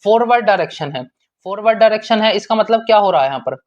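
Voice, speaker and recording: A man's voice: sits high, expressive, fast talker, highs cut off. A man teaching an online exam-prep lesson in a casual, repetitive way, calling students brother and checking in often.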